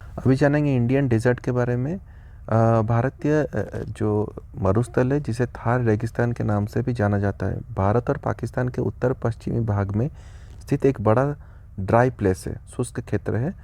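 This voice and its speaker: A man's voice: medium pitch, fairly even intonation, normal speed, vocal fry, dark tone. A man teaching a geography lesson online, explaining step by step in a chatty way and addressing viewers as friends.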